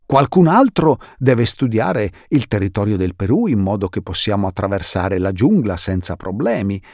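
A man's voice: lowish voice, sing-song, normal speed, no echo, studio quality. A man voicing a jolly, enthusiastic uncle who is a snake scientist, exclaiming eagerly in an audiobook reading. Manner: exuberant, warm, exclaiming. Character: jolly enthusiastic older male herpetologist uncle.

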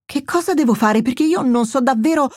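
A woman's voice: high voice, a little fast, darkish tone, no room sound, pitched above the performer's own voice. Woman playing a nervous young male trainee, pleading, dry close sound. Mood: panicked. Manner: hesitant, pleading. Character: panicked young male medical student.

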